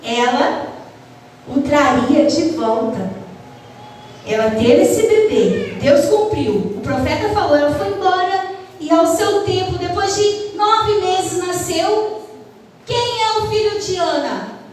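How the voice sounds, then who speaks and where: Woman children's teacher, high voice, unhurried storytelling, distant in a reverberant church hall. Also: a little hiss or hum. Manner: asks the children questions, animated storytelling. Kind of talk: Bible story lesson for children. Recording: echoey church hall, far from mic.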